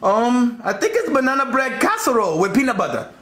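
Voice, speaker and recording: A man's voice: extremely high pitch, sing-song, a little fast, fairly bright tone, echoey room, full character voice. A man voicing a blunt, exasperated household chef who scolds his way through a comedy skit. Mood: coaxing. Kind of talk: comedy skit character acting.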